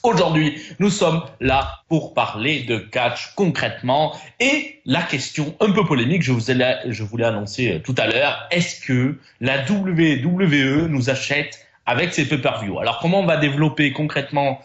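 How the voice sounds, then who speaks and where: A man from France hosting a casual podcast discussion, lively and leading the questions. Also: mid-range voice, moderate pace, hardly any pauses. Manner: animated, leading questions, frequent "concrètement". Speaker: podcast host. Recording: dull lo-fi sound in a roomy space.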